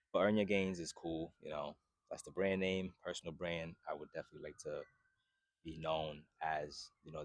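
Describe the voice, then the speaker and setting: Twenties man from Haiti, fitness vlogger, very deep voice, dry recording, chatty, keeps asking "right?". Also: no echo. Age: 20s. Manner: conversational, repeats "right?" often. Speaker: fitness vlogger and personal trainer. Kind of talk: casual to-camera vlog.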